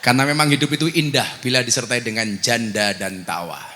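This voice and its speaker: A man, preaching to a crowd in a loud, teasing, joking way. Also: mid-range voice, a little fast. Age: 40s. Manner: loud, bantering, teasing the audience. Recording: long hall echo, faint noise.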